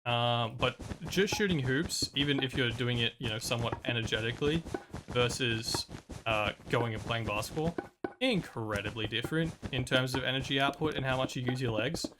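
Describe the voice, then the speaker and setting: Still getting over a cold that stole his voice, a young man chats about and around the video game he's streaming, rambling with fillers and restarts. He speaks at medium pitch and moderate pace, with background noise present.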